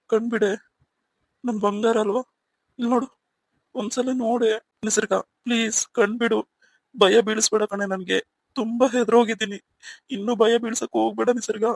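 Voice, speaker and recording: A woman's voice: a little high, dry recording, poor audio. A woman voicing a young husband in a cartoon who anxiously pleads with his wife in the hospital. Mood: pleading. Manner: pleading, urgent. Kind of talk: cartoon voice acting.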